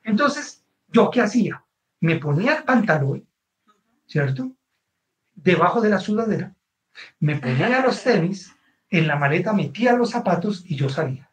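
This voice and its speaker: A man with a Colombian accent tells a story in an interview, his voice sitting a little higher than most men's. He is animated and keeps checking that his listener is following along. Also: moderate pace, pauses often, poor audio. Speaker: guest author. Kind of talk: conversational storytelling.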